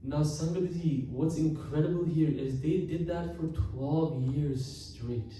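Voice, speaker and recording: Delivering katha, a Canadian Sikh preacher speaks earnestly in a dark, mellow voice on the high side, frequently addressing the congregation and slowing for emphasis on key words. The distant recording has heavy echo from a large hall and a faint hiss.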